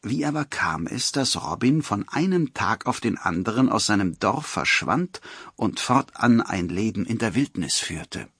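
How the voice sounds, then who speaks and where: A man narrating a storybook in an expressive reading. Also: fairly low pitch, unhurried, breathy edge, no room sound, studio quality.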